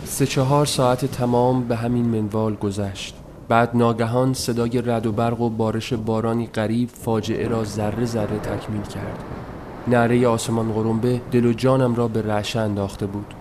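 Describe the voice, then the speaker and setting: A man reading a story aloud in a soft, measured, somber voice, as scripted narration. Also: medium pitch, level tone. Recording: noisy recording.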